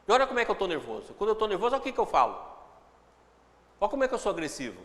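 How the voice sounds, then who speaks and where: A man's voice: high voice, big pitch swings, racing, a bit bright, long reverb tail. A man giving a reflective spiritual talk with a Brazilian Portuguese accent, acting out inner dialogues in shifting voices. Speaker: spiritual teacher.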